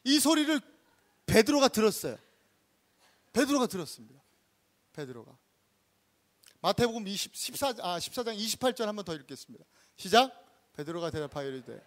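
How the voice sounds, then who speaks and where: Animated high-voiced male pastor preaching. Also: brisk, pauses often. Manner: animated storytelling, acts out scenes. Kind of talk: sermon. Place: church sanctuary.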